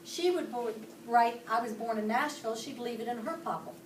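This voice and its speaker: A Pittsburgh, Pennsylvania teacher with a slightly high voice talks a little fast as she explains each step and questions the children. Her classroom instruction is picked up from a distance by a camera across the echoey room, with slight background noise.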